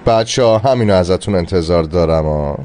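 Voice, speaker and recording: A man's voice: low voice, warm tone, a little hiss or hum, natural voice. A man playing a fussy, theatrical male dance teacher in a dubbed TV drama, talking with exasperated, dramatic pleading. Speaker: dance instructor.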